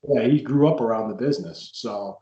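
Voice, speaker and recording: A former wrestler rambles through old stories with frequent restarts in a casual podcast interview hosted by a man. The host's medium-pitched, mellow voice moves a little fast, and the recording is muffled with a roomy echo.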